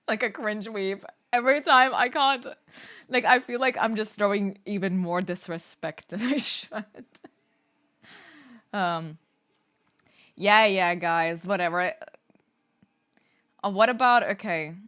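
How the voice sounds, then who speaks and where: A woman's voice: mid-range voice, moderate pace, pauses often, fairly bright tone. A woman VTuber streamer chatting casually on a live stream, rambling, swearing and breaking into laughter often.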